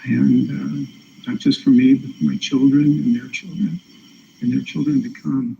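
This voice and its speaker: A man in his seventies making an informal public comment, hesitant, polite and apologetic, with halting phrases. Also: mid-range voice, gravelly. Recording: dull, muffled meeting-room sound with noise.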